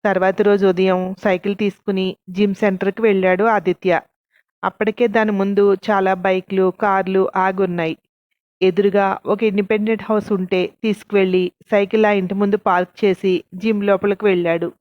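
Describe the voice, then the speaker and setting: A woman's voice: mid-range voice, flat delivery, fairly quick, no echo. A woman narrating a story and reading the characters' lines herself with light voicing. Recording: dull, dry lo-fi sound.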